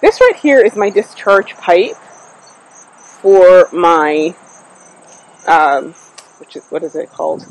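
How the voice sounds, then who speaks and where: A woman's voice: on the low side, very animated, slow, long pauses, low-quality recording. A woman giving a casual walking tour of her backyard garden outdoors on a clip-on mic, thinking aloud with fillers and self-corrections. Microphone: clip-on microphone.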